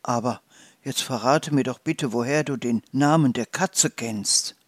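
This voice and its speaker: A gruff but kindly old farmer in a children's story speaks low and firm, as a storyteller voices him. He talks slowly, and the sound is dry and close to the mic. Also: dry recording, lightly acted. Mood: gentle. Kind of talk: storybook reading.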